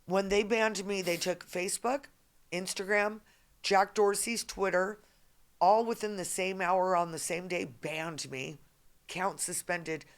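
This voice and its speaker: A woman's voice: fairly low pitch, steady tone, a little slow. A middle-aged woman hosting a political podcast, making emphatic points in long run-on statements. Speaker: podcast host.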